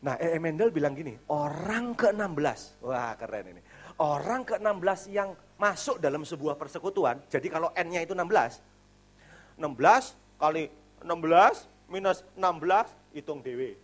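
A male pastor giving a sermon at a church service in a casual, animated way, swinging between loud emphasis and quiet asides. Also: fairly high pitch, normal speed.

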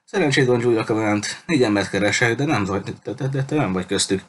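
A man's voice: fairly low pitch, slight background noise, close to an everyday voice. Captain Spencer, a man voicing a menacing pirate captain. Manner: threatening, mocking, coldly polite. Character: cruel menacing male pirate captain, adult. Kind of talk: audiobook character reading.

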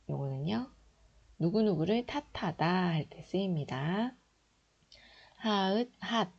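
A woman teaches reading slowly and patiently, sounding out each syllable aloud in a low, husky voice. Her voice has a gravelly fry to it. The recording is dull and lo-fi. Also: mellow. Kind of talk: slow instructional explanation.

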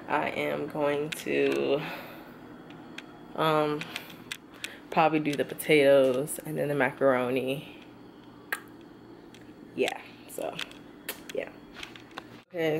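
Her low voice has a creaky edge as this twenty-something vlogger chats aimlessly about what she's cooking, um-ing often. It's shot on a close, moving handheld camera in a small, noisy home kitchen with the sound of frying.

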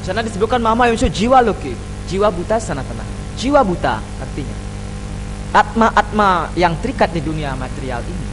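A man in his thirties speaking on a panel in a small room into a desk microphone, earnestly explaining religious teaching and chanting scripture verses slowly. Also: on the high side, low-quality recording. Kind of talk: religious discussion talk. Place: small indoor room at a table. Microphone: desk microphone on stand.

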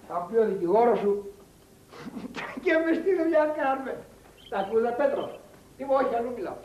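An actor playing a smooth-talking, scheming professional false witness who haggles persuasively. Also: male voice, sits high, a little hiss or hum. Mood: haggling. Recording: roomy 1980s film soundtrack.

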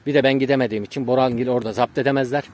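A pigeon breeder chats casually to his viewers from his garden in a medium-pitched, steady voice, talking rapid-fire. He addresses them as friends in this vlog-style talk and now and then shouts commands at his dogs.

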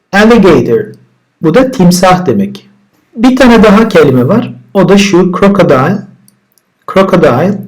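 Male teacher, slightly higher voice, repeats each word and then explains it calmly. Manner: relaxed explaining, with repeated words and translations. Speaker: English teacher. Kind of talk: vocabulary lesson.

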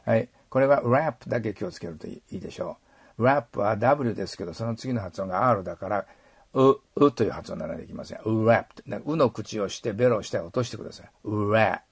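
Middle-aged guy teaching pronunciation, low gravelly voice, dry close sound. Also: animated, dry recording. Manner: repeats English phrases slowly and models sounds. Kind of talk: explaining pronunciation in a lesson.

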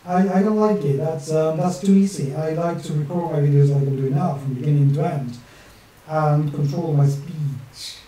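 Drawing a map on screen at his desk at home, a forties-aged map illustrator and channel host chats and jokes to himself in a slightly high voice at normal speed. His accent is non-native with some northern English coloring. The distant webcam mic in a small room sounds very echoey with faint hiss, and a crowd can be heard in the background.

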